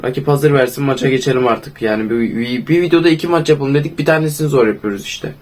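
A hoarse young man with a cold, commenting casually on his own football video game match and calling out player names excitedly. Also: medium pitch, fast talker. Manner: excited, shouts player names, sometimes sings. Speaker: gaming YouTuber.

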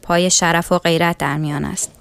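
Calm male sailor companion voiced by a woman narrator, matter-of-fact; storybook reading. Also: lowish voice, vocal fry.

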